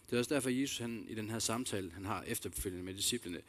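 A man preaching a sermon, earnest and reflective, repeating key phrases and addressing listeners directly with questions. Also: fairly low pitch. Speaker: pastor.

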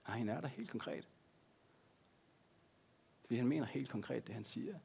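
A man's voice: mid-range voice, lively intonation, creaky, a little mellow, breathy edge. A man, a pastor, preaching a sermon in an earnest way, repeating key words for emphasis.

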